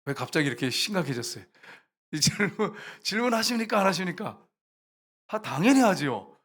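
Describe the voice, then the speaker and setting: A man's voice: sits high, very animated, fairly quick, fairly bright tone. A man preaching a sermon as a pastor, talking with the congregation, asking them questions and acting out quoted prayers. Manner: conversational, asks the congregation questions and answers them himself; acts out short quoted prayers and complaints.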